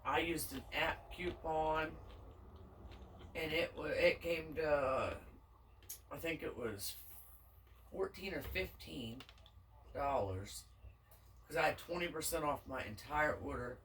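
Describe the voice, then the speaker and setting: A woman with a Southern US accent chatting casually with her husband while eating on camera, folksy and quick to laugh. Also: deep voice, a bit bright, recorded from a distance, slight background noise, poor audio. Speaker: vlogger, mukbang co-host.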